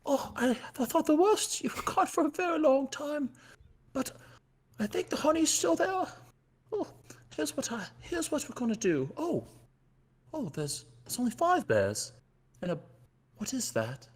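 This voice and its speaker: A man's voice: extremely high pitch, big pitch swings, unhurried, pitched above the performer's own voice, exaggerated voice. Winnie, a man doing a doddering old bear boss. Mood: doting. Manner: fussy, wavering, breathy asides. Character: elderly male honey-loving bear boss.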